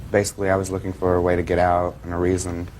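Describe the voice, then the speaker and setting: A man's voice: low-pitched, monotone, racing, a little mellow, slight background noise. A seventeen-year-old American male giving courtroom testimony as a plaintiff, hesitant and polite. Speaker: young plaintiff.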